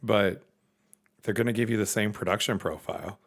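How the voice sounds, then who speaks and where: Young man, podcast co-host, casual chat, energetic, laughs often, low pitch. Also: moderate pace, creaky, husky.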